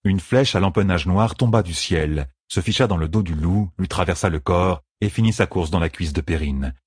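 Reading a fantasy book aloud, the male narrator has a husky voice pitched very low. His pacing is controlled and steady throughout this scripted audiobook passage. It's a dry recording, close-miked, with nothing of the surrounding space.

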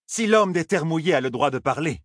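A man's voice: a little high, expressive, fairly quick, a bit bright, dry recording, clean studio sound, voice pushed up. A man putting on a scheming young woman leader. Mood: insistent.

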